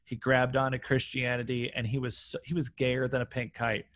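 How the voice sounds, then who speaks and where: A man's voice: medium pitch, normal speed. Guy rambling on a podcast, jumps from idea to idea, lots of restarts. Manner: rambling, animated, many restarts. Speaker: podcast guest. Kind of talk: casual podcast chat. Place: room near a railway line.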